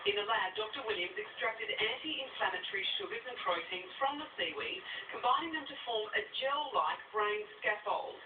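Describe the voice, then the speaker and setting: A woman narrating a news report in a steady reporter style. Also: medium pitch, normal speed, hardly any pauses, recorded from a distance. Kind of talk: scripted news report voice-over. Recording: echoey, tinny off-air TV recording with noise.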